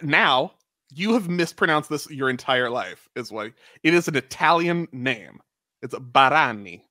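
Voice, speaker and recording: Bright-voiced man, opinionated and dry. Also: fairly high pitch, expressive, measured pace, dry recording. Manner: opinionated, dryly sarcastic. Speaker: podcast co-host. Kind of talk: casual chat.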